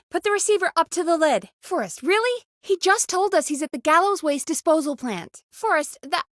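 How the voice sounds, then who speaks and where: High-voiced, earnest radio producer Peggy Weaver. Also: female voice, dry recording, clean studio sound, heavily acted. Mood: exasperated. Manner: conversational, expressive, dryly exasperated. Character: earnest, wry woman radio show producer, supportive but easily exasperated. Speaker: voice actor in a video game. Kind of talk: naturalistic video game dialogue.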